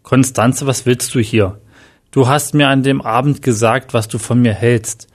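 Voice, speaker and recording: A man's voice: medium pitch, fairly even intonation, a little slow, close to an everyday voice. A man voicing a guilty, defensive father in a read-aloud story. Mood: tense. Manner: defensive, pleading.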